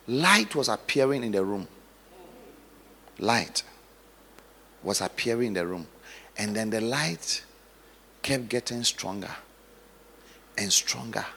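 Husky-voiced man preaching in a reverberant hall. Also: mid-range voice. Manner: dramatic preaching, swings between hushed storytelling and loud exhortation. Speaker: pastor. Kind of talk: sermon.

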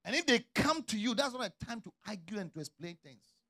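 A middle-aged man preaching a sermon as a pastor, swinging from quiet, low asides to loud shouted calls. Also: very animated, brisk.

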